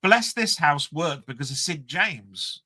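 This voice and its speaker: A man's voice: on the high side, animated, slow, pushed and bright, dry recording, studio quality. A mature British man co-hosting in casual banter, joking and repeating himself as he searches for words. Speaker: co-host.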